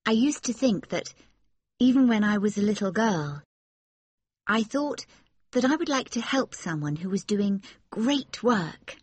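A man voicing an earnest, gentle young woman, speaking softly and seriously in a raised voice. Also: high-pitched, animated, measured pace, husky, no room sound, pitched above the performer's own voice, heavily acted.

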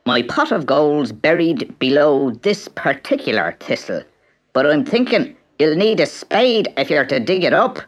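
A man voicing a tiny, crafty male leprechaun cobbler with a high, whining voice. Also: sing-song, a little slow. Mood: sly. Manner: whining, pleading, sly.

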